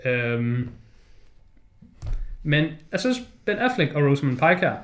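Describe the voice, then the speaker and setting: A man co-hosting a casual film discussion, swearing freely and acting out scenes in quick quoted voices. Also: on the high side, big pitch swings. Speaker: podcast co-host. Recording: roomy echo.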